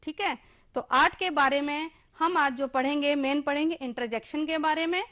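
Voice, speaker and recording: A woman's voice: high-pitched, moderate pace, a bit bright. A woman with an Indian accent teaching an English lesson, explaining in Hindi, calling her pupils children and drilling words for them to repeat. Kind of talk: classroom-style lesson.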